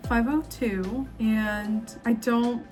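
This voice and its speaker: A woman's voice: a little high, fairly even intonation, drawn-out words, a little mellow, faint music behind. Chatty young woman vlogging about crochet. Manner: chatty, self-doubting, lots of ums. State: slightly losing her voice. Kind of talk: casual vlog chat.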